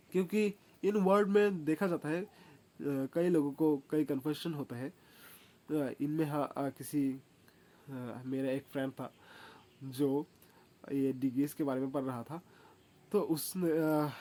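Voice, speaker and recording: A man explaining a grammar lesson in a casual way, pausing often with filler sounds and correcting himself, and reading the rules out slowly. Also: on the high side, darkish tone. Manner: hesitant, many filler sounds and self-corrections; reads English rules slowly and deliberately. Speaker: English teacher.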